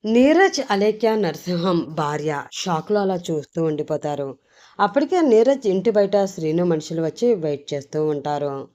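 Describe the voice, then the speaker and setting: A woman's voice: fairly low pitch, moderate pace. A woman hosting her channel and narrating a serialized story, expressively acting out its characters. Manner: expressive, switches voices for characters.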